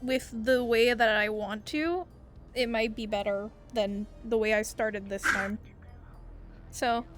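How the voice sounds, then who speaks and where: A woman's voice: on the high side, fairly even intonation, takes it slowly, music in the background. Blunt woman chatting, swearing freely. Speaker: roleplayer, medic player. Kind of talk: casual group chat.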